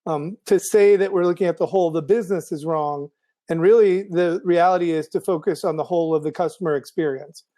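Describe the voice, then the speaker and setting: A man hosting a live video show, thinking aloud in a casual monologue with many ums and restarts, his voice going hoarse. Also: a little high, a little fast, dark tone. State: losing his voice.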